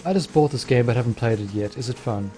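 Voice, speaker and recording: A man's voice: medium pitch, fast, dark tone, soft background music. A man casually commentating his own gameplay, rambling and thinking aloud. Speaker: let's play host.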